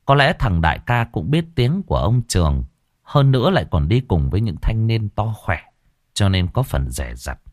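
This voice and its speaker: A man narrating an audiobook story with expressive storytelling. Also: on the low side, moderate pace, dry recording, clean studio sound.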